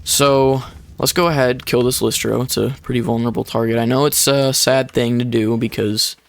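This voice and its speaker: A man's voice: mid-range voice, fairly even intonation, moderate pace, creaky. A young man giving casual, chatty commentary while playing a survival game, explaining each step with plenty of fillers. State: short of breath at times. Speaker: gaming YouTuber. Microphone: desk microphone.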